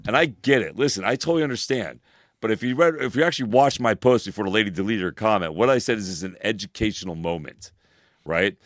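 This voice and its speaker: A man in his forties speaks in a deep, low voice, sounding dry and close to the mic. He talks emphatically and preaches to his listeners in a casual podcast chat, swearing freely. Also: quick pace, a bit bright, no echo. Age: 40s. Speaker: podcast co-host.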